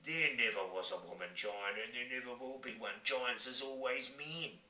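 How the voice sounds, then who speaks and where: A very old, gentle giant, as a man puts him on, rumbling slowly through broken grammar and made-up words. The voice is sharp and bright, and it sits a little higher than the reader's own. It sounds roomy, as if caught from a mic set some way off. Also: recorded from a distance. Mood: earnest. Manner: mangled grammar, invented words, slow booming delivery. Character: very old male giant, gentle, muddled speech.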